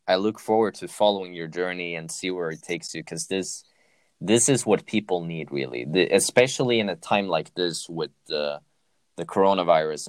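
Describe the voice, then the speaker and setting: A man's voice: sits low, no room sound. A man hosting an interview, encouraging and affirming his guest, with frequent backchannel replies. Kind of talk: interview conversation.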